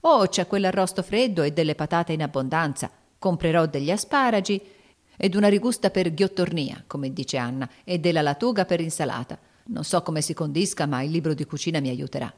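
A woman voicing a spirited, impulsive teenage girl in an audiobook, eager and brisk. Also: sits low, expressive. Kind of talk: audiobook character reading.

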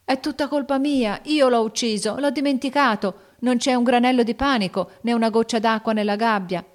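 A woman voicing a tender-hearted, remorseful young girl in an audiobook, high and pleading. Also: a little fast, natural voice. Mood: wailing grief. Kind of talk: audiobook character reading.

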